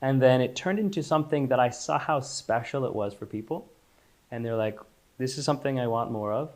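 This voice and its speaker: A man with a mid-range, slightly mellow voice speaks fairly quickly as a guest in a casual interview. Born in Israel and raised in Los Angeles, this company founder talks in a loose, searching way, restarting often.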